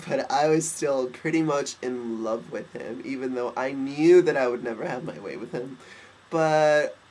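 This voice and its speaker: In this rough recording with slight background noise, a young man vlogs casually from his bedroom into a desk webcam. His mid-range voice is stuffed and nasal, and his delivery is campy and cheeky, full of quick asides.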